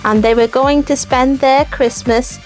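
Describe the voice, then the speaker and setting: A woman co-presenting a children's show, telling scripted stories gently in the manner of a puppet show host. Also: sits high, steady tone, a little slow, soft background music.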